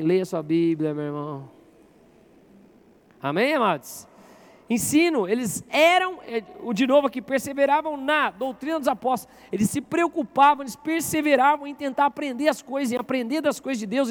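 A man preaching as a pastor to his congregation, constantly asking them questions and getting them to speak to their neighbors. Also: extremely high pitch. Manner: interactive, asks the congregation questions. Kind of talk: sermon. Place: church.

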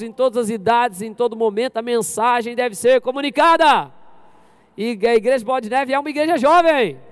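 A man from Brazil preaching a lively sermon to his congregation as pastor, often questioning the crowd directly. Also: very high-pitched, smooth. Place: church service.

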